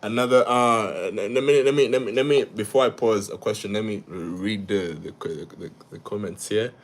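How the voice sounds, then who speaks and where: Hosting a livestream, a young man from Uganda reads viewer comments and works through social issues, tacking "yeah?" onto each point. He often repeats words and starts sentences over, speaking at a moderate pace in a lowish voice.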